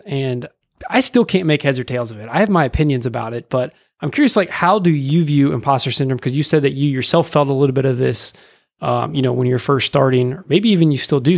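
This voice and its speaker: A man's voice: medium pitch, vocal fry. A man hosting a podcast interview, chatty and asking curious questions in a casual way. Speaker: podcast host.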